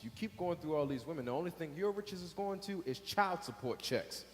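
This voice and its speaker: A wisecracking brother, played by a man who fumbles his words around women. His voice swings lively and fairly high, and it rings with theatre reverb. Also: brisk, slight background noise, lightly acted. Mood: teasing. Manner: mocking jokes, then stammering. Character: teasing younger brother, awkward around women. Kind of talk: live stage play. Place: theatre stage.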